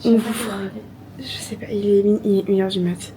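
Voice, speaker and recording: Speaking fairly quickly in a medium-pitched, dark and steady voice, a young woman chats casually to camera for her travel vlog. She's in a noisy airport, tired from the trip, joking in slang and using lots of fillers.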